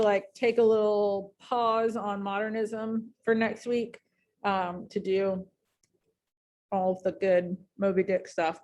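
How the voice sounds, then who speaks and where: A woman teaching a high school English class in a casual, chatty way, full of ums and likes, speaking in a classroom. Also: a little mellow, a little hiss or hum. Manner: chatty, many fillers like um and like.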